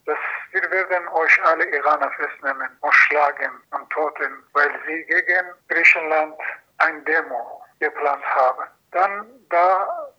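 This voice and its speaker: A man tells his own story in halting, careful phrasing and keeps restarting his sentences. His voice sits a little high and sounds very bright and sharp. The recording is dull and lo-fi. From Iran. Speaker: asylum seeker. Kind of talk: personal testimony.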